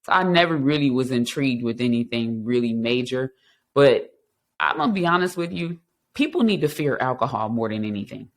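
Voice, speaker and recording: A man's voice: medium pitch, animated, a little fast. A man in his thirties hosting a recovery talk show, speaking earnestly and reflectively about his past and encouraging listeners, with frequent ums and restarts. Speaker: podcast host. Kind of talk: personal testimony and encouragement.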